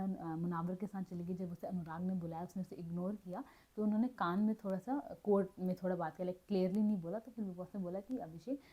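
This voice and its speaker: A woman giving a casual, chatty recap as a vlogger, mixing Hindi and English and often correcting herself mid-sentence. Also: medium pitch. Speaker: reality show recap vlogger. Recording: dull lo-fi audio.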